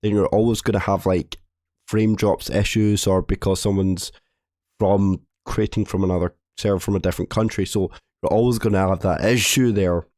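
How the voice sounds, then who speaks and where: Talking through a game update at normal speed with fairly even intonation, this gaming video host has a low, cold-roughened voice that's dark and mellow. The recording is dry and close, and his casual rambling is full of trips and restarts.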